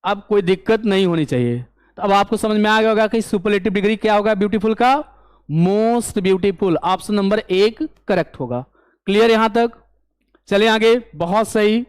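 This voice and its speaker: A man's voice: sits high, normal speed, clear, resonant tone, no echo. Male teacher, dry close sound, step-by-step exam lesson, asks and answers his own questions. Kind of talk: exam-prep English grammar lesson.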